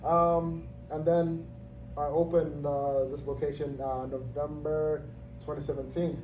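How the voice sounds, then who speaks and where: A man in his thirties, originally from Zambia, telling his story in a relaxed interview with many fillers and easy laughs. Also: on the high side, a little slow. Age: 30s. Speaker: interviewee, gym owner. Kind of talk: casual interview. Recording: roomy, distant, noisy ambience.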